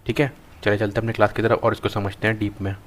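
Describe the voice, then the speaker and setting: Young male programming tutor, low monotone voice, halting think-aloud delivery at a desk mic. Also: a little hiss or hum. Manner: thinks aloud while typing, halting with many restarts. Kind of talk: screen-recorded coding lesson.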